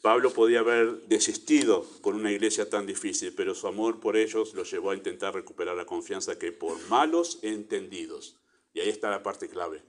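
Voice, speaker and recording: A man with a Rioplatense Spanish accent preaching a sermon in church, conversational, with little acted asides. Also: lowish voice. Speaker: pastor.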